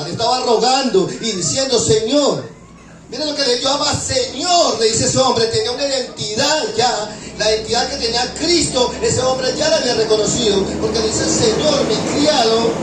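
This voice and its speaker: A male pastor preaching a sermon, asking the congregation to answer back in call and response. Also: very high-pitched. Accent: Latin American Spanish. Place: church hall. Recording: echoey hall, distant mic, music behind. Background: background music.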